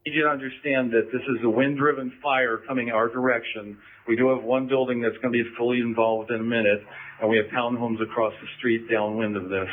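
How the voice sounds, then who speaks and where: A man's voice: mid-range voice, flat delivery, fairly quick. A man speaking as a fire division officer, giving urgent, direct commands over a two-way radio. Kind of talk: urgent firefighter radio traffic. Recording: tinny, narrow-band radio scanner feed.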